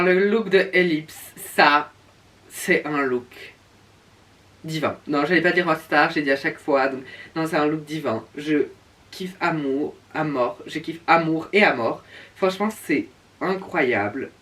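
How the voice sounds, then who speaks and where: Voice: medium pitch, unhurried, a bit bright. A speaker giving casual reaction commentary in a sassy, campy drag-queen manner, stretching words for emphasis. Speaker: reviewer. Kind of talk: casual reaction commentary reviewing show looks. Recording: distant microphone.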